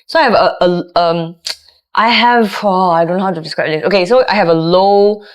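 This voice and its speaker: This is a woman talking in a podcast interview. Her voice is low, resonant and full. She chats casually and with animation, often ending her lines with "lah". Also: moderate pace, smooth. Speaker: guest, voiceover artist.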